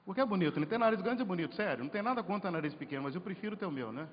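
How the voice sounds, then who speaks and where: A high-voiced male preacher speaks very fast as he shares his testimony at a men's congress. His sermon is animated storytelling laced with jokes and rhetorical questions, captured in a lo-fi hall recording with faint background noise.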